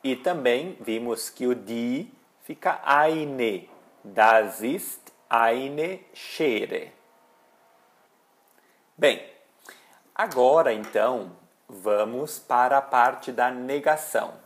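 Man, language teacher, very slow pace, mid pitch, deliberate. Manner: slow, deliberate, spells out example phrases. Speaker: German teacher. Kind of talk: language lesson.

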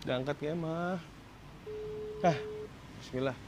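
A man filming a prank on his wife at home, speaking tenderly and coaxing, then turning loud and laughing. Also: a little high, slow, background noise. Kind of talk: casual home prank vlog.

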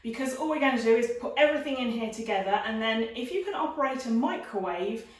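With lively intonation and a quick pace, a woman in her forties chats her way through an informal cooking demonstration in a home dining room. Her voice is on the high side. The camera microphone is a few steps away, making the recording roomy and distant.

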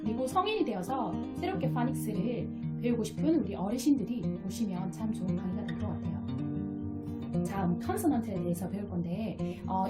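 A woman teaching English phonics, explaining patiently step by step and repeating each sound. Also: mid-range voice. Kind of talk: explaining lesson. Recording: soft guitar music behind. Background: quiet guitar music.

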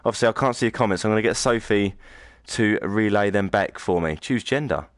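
Playing a horror game live, this man keeps up a jokey, talkative let's-play commentary and reads in-game lines out loud. He speaks fairly quickly in a fairly low voice, and the recording is studio quality with no echo.

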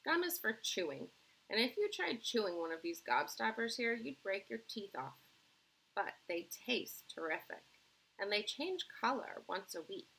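An eccentric grown man who invents sweets, bursting with eager, emphatic exclamations in a storybook reading. His voice is bright and forceful with a gravelly, slightly husky grain, as a woman reading aloud puts him on. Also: medium pitch, full character voice, rough recording. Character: excitable eccentric male candy-maker, grown man.

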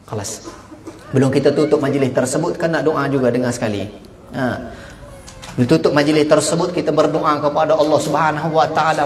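A man preaching at an evening religious gathering, telling stories with animation and leading a long chanted prayer. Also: fairly high pitch. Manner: animated storytelling, chanting supplications. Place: community prayer house during a gathering. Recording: roomy, mic at a distance.

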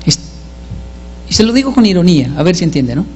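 A man doing stand-up storytelling, animated and self-mocking, acting out the voices of his family. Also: high voice, fairly quick, big-room sound, highs cut off, soft background music. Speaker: comedian.

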